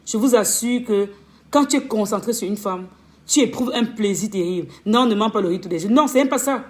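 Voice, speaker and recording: A woman's voice: mid-range voice, brisk. A woman relationship coach giving an impassioned, scolding rant on a live stream, firing off rhetorical questions and stammering over repeated words.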